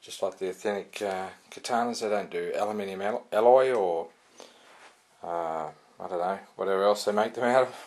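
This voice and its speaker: A man's voice: low-pitched, normal speed, darkish tone. A man giving a casual, rambling product review with many fillers and restarts. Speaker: sword reviewer.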